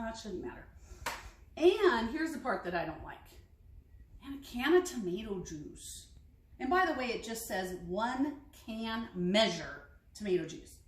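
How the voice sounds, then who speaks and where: A woman taste-testing recipes in a casual kitchen vlog, chatty and frank with hesitant asides. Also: mid-range voice. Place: home kitchen. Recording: echoey kitchen, clinking dishes.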